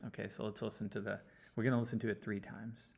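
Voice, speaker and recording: A man talking through an audio analysis step by step, often checking in with a quick "okay?". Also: on the low side, flat delivery, vocal fry, darkish tone, breathy edge. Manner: explanatory, checks in with frequent "okay?". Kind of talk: screen-recorded audio analysis walkthrough. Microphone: computer mic, sitting close.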